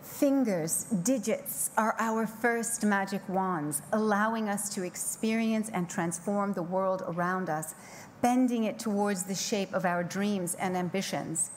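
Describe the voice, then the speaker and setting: A middle-aged woman speaks from a podium microphone on a large conference stage, reading a scripted keynote in a mid-range voice. Her delivery is measured and poetic, slowing down to lean on key phrases. A faint hiss of background noise sits under the recording. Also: mid-range voice. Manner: measured, poetic delivery with slow emphatic pauses.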